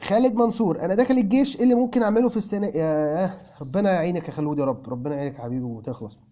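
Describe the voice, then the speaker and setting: Fast-talking Egyptian man, high voice. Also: animated, dark tone, highs cut off. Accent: Egyptian Arabic. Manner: answers viewers by name, switching between Arabic and English phrases. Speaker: English teacher answering viewer comments. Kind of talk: casual chat. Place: in a car.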